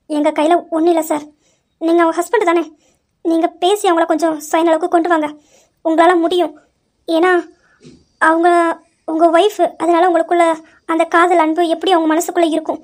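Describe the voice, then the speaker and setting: A woman as an earnest female doctor. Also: very high voice. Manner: earnest, explaining. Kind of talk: amateur audio drama acting.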